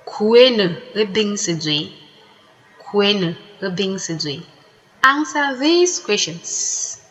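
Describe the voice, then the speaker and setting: A woman teaching a language lesson, saying each word slowly and deliberately and repeating it twice before explaining it. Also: mid-range voice, lively intonation, a bit bright. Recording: echoey room with long reverb.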